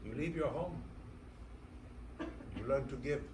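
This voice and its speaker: A man's voice: mid-range voice, slow. An actor in a staged theatre reading playing a proud Ukrainian immigrant man who runs a clinic, speaking a reflective monologue. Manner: reflective monologue, lively delivery. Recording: roomy stage sound from far off, faint noise.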